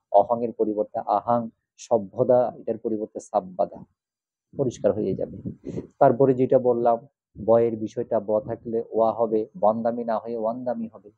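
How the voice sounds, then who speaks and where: Male monk, spoken lesson, spells out syllables slowly, tinny phone-like sound, dry. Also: mid-range voice, no room sound. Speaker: Buddhist monk teaching Pali pronunciation.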